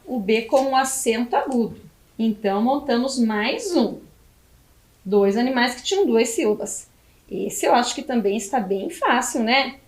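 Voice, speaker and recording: A Brazilian Portuguese woman teaching a video lesson for young children, slowly stretching syllables as she spells words out. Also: fairly high pitch, echoey room. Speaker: primary school teacher.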